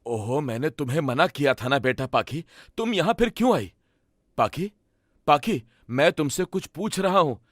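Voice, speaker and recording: A man's voice: on the high side, expressive, normal speed, dry recording, studio quality. Man voicing a worried father pigeon. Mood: anxious. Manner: anxious, scolding gently. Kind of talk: Hindi cartoon voice acting.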